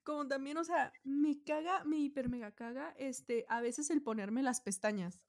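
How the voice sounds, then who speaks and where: A young adult woman with a Mexican accent, hosting a casual podcast chat and telling stories in an animated, profane way. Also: high-pitched, normal speed. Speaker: podcast host.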